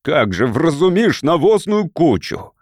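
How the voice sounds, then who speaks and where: A man's voice: medium pitch, big pitch swings, unhurried, no echo, clean studio sound. A man playing a blustering old patriot. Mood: ranting. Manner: shouting, indignant. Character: furious old Martian father-in-law, blustering patriot.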